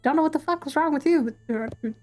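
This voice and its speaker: Sweary, high-voiced woman streamer. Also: fast, a little mellow, soft background music. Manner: swears freely, reacts aloud to the game; reads in-game text aloud while playing. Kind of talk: casual gameplay commentary.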